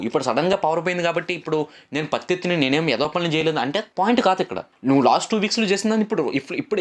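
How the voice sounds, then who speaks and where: A young man giving a casual, opinionated reality show review, repeating himself and mixing in English words. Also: on the high side. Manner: rapid, repetitive, mixes English words, argumentative.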